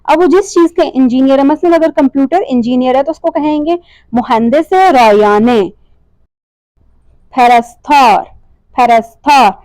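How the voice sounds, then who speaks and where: Woman teacher, high-pitched, dry close sound, drills words one by one and answers her own questions. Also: warm tone, no room sound, poor audio. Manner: repeats each word slowly, asks and answers own questions. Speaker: language teacher. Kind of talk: slide-based language lesson.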